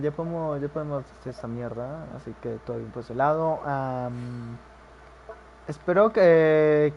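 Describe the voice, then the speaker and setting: A man casually commentating his own gameplay, excitable and profane, often blurting sound effects. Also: medium pitch, a little hiss or hum. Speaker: gamer.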